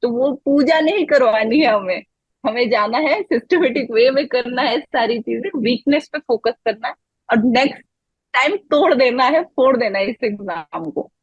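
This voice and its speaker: A woman's voice: fairly high pitch, moderate pace, slightly rough, no room sound, highs cut off. A woman guest in an interview, a medical graduate giving casual, encouraging study advice in a flowing, chatty way.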